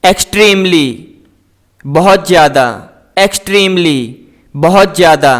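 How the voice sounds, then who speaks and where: A man teaching English words, saying each word and its meaning twice in a slow, deliberate drill. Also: high voice.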